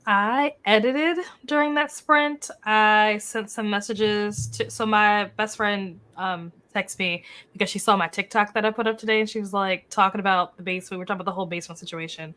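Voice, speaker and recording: Woman co-host, mid-pitched, relaxed and giggly, loose chatty delivery. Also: a little fast, hardly any pauses, clean tone. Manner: easygoing, giggly, loose storytelling. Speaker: livestream co-host. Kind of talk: casual livestream chat.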